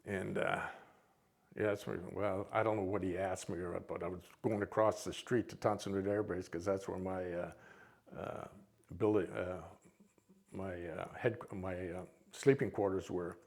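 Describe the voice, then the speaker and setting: An older man from Minnesota in the United States, a military veteran appearing as a guest speaker, reminisces informally to an audience in a rambling, folksy way with a Minnesota accent. His deep voice is steady, creaky and a little mellow, moving at a moderate pace.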